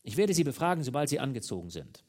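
A man's voice: mid-range voice, sing-song, fast, darkish tone. A man reading an audiobook, voicing a formal and insistent male police commissioner who questions people. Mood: stern questioning. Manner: formal, commanding.

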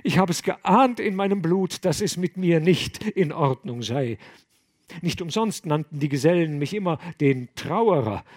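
A man voicing a distraught young man who sobs and reproaches himself in a high, loud lament. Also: lively intonation, a little slow. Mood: anguished. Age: young adult. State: sobbing.

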